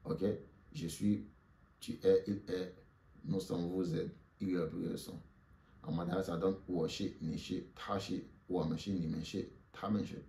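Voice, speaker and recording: A man giving a spoken language lesson, slowly repeating short phrases for listeners to say back after him. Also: low-pitched, steady tone, creaky, dark tone. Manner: slow, repeats phrases for the learner to echo. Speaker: Mandarin teacher.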